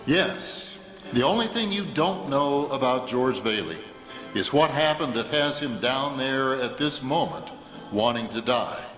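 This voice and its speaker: A man playing an authoritative senior angel, narrating a stage radio play in a measured way. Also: mid-range voice, expressive, fairly bright tone, faint music behind. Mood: grave, measured. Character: heavenly senior angel, calm and authoritative storyteller. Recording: echoey hall.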